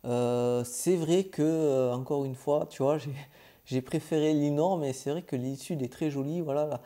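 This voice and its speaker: A young man recapping his travels in a casual vlog, chatty and informal, pausing often on filler sounds. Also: on the high side, warm tone. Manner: hesitant, many filler "euh"s, chatty and informal. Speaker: travel vlogger.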